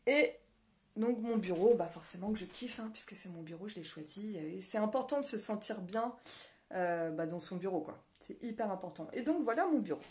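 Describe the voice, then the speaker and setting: A woman's voice: mid-range voice, lively intonation, moderate pace, warm tone. A woman vlogger chatting casually on a live stream from her small home office, rambling with many fillers and laughing often. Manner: laughs often, reads viewer comments aloud. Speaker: vlogger hosting a live video. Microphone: phone mounted on a stand.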